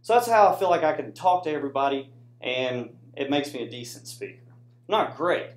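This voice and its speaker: This soldier giving a student presentation speaks quickly and expressively at a medium pitch, with an American accent. His informal classroom talk with slides is conversational, peppered with "right?" as he checks in with the audience, and the room echoes.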